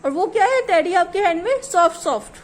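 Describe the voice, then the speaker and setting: A woman's voice: very high voice, animated, brisk, a little hiss or hum. A woman teacher giving a home lesson to a small child, patiently drilling word pairs and mixing English words into Hindi.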